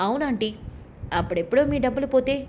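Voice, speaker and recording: A reasonable young woman, voiced by a woman narrator gently objects. Her lines come rapidly, in a slightly raised voice. There is almost no change from plain storytelling. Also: sits high, animated, a little hiss or hum. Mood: objecting.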